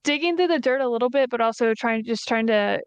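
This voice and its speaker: A woman's voice: on the high side, brisk. A woman playing a tabletop game, tentative and casual as she describes her actions. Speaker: player.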